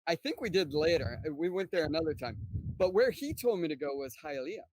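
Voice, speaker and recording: A man's voice: fairly high pitch, expressive, fairly quick, a little mellow, no room sound. A man from South Texas hosting a casual interview podcast, asking friendly questions and sharing his own stories. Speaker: podcast host.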